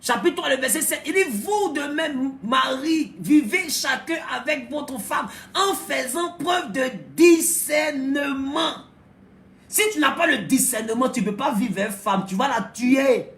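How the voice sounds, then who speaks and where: A man preaching a sermon as pastor, emphatic and often shouting, with playful asides. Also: extremely high pitch, lively intonation, unhurried, echoey room.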